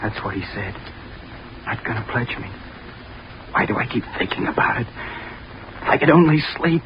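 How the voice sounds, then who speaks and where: An actor playing an earnest, obsessive, rejected young college student, hesitant and intense, in a 1930s radio drama. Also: male voice, mid-range voice, lively intonation, a little fast, close to an everyday voice. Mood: tormented. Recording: dull, very noisy 1930s radio recording.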